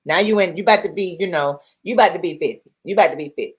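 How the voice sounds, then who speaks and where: A woman's voice: on the low side, racing, slightly rough. A middle-aged woman co-hosting a casual talk show, chatty, often repeating herself and pressing with questions. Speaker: podcast co-host. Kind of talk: casual chat.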